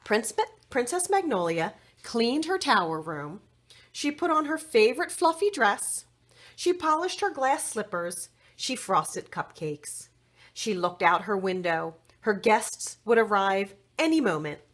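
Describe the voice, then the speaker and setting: At a medium pitch, this woman reads a kids' story out loud, careful and expressive in the way a storyteller would be.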